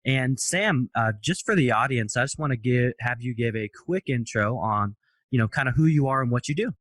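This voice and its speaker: A man's voice: medium pitch, animated, normal speed, a bit bright, dry recording. A man hosting a podcast, asking long, friendly, rambling questions. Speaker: podcast host. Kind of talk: casual interview questions.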